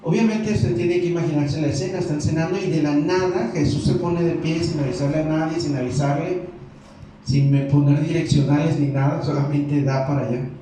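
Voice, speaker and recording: A man with a Mexican Spanish accent preaching a sermon as pastor, telling the story in a lively way and acting out the characters' lines. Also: a little high, fairly quick, a little hiss or hum. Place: church hall. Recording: echoey hall, mic far off.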